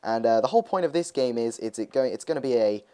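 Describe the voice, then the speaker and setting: A man's voice: mid-range voice, lively intonation, fast talker, warm tone. Hesitant young man narrating gameplay. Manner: rambling, many "uh" and "um" hesitations. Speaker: gaming video host. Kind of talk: casual gameplay commentary.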